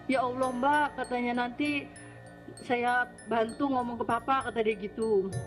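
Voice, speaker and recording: A woman's voice: fairly high pitch, fairly even intonation, a little slow, over loud music. A woman working as a household helper, retelling in a plain, shaky way how she was treated, and acting out the harsh words spoken to her. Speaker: household worker giving testimony. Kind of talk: personal testimony in a played clip.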